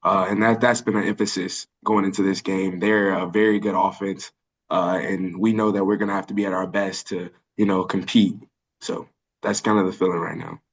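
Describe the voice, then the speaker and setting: With a low, level voice at a moderate pace, a young college linebacker from Birmingham, Alabama, in his early twenties, handles press questions by video call. He answers earnestly but with many fillers and restarts.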